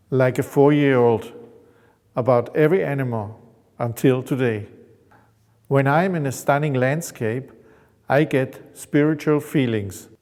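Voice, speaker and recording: A man, calmly narrating his life as a painter in English. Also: mid-range voice, in a large hall. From Austria. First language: German. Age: 50s. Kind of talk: reflective personal narration.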